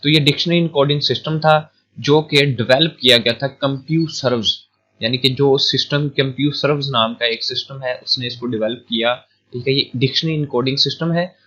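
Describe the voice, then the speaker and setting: A young man from Pakistan talks through a computer science lesson as he records his screen. He keeps it informal and repeats key points, checking in with his viewers again and again. His tone is bright and forceful, and the recording sounds a little muffled and lo-fi. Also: medium pitch, moderate pace. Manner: chatty, repeats points, keeps adding "theek hai". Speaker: online lecture tutor.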